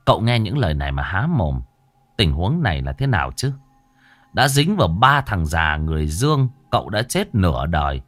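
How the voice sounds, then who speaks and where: A man narrating a ghost story in a dramatic, lively way. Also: deep voice, moderate pace, no room sound.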